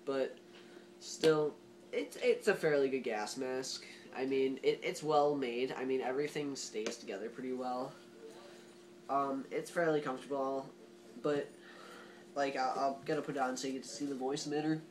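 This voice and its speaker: Guy doing a casual gear review, mid pitch, rambly and emphatic, bit of background noise. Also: fairly even intonation, normal speed. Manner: rambling, informal and emphatic, with hyperbole. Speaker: gas mask reviewer.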